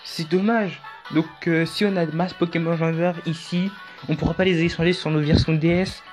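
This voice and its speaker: A man's voice: a little high, steady tone, normal speed. A man talking through a casual tutorial in a chatty, rambling way with jokey asides. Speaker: YouTube tutorial host. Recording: dull lo-fi audio with faint music.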